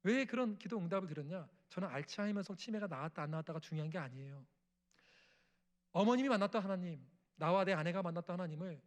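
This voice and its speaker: A middle-aged male missionary preaching an emotional testimony sermon in a church, acting out family dialogue and prayers. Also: sits high. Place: church sanctuary.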